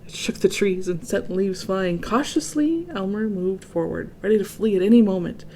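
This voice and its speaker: A woman's voice: medium pitch, moderate pace, mellow, slight background noise. A woman reading a children's picture book aloud and chatting to kids about the story in a friendly way.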